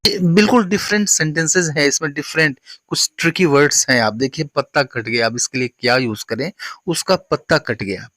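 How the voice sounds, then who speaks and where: Slow-teaching man. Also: on the high side, bright, forceful tone, no room sound. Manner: slow, deliberate model sentences. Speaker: English teacher. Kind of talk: spoken English lesson.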